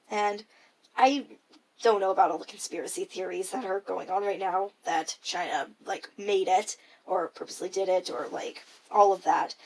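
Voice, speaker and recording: A teenage girl in her first year of high school records a casual, reflective audio diary, musing hesitantly and sometimes trailing off. Her mid-range voice is gravelly, and the recording quality is rough.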